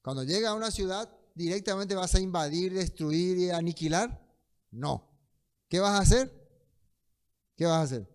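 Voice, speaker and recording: A man's voice: high-pitched, animated, moderate pace, long pauses. A man giving a Bible study sermon, reading verses with emphasis and asking rhetorical questions. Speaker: Bible teacher.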